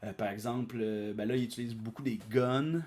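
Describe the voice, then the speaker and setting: A man's voice: mid-range voice, fairly even intonation, brisk, a little mellow. A man casually reading a manga aloud, with chatty asides and many hesitations. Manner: chatty, aside-filled, hesitant filler-heavy commentary. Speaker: audiobook reader and commentator.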